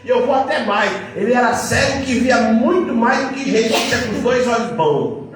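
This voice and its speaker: Animated Brazilian pastor in echoey church. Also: male voice, normal speed. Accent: Brazilian Portuguese. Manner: animated, acting out scenes, jumping pitch. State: sore throat. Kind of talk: sermon. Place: church hall. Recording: echoey hall, distant mic, faint music.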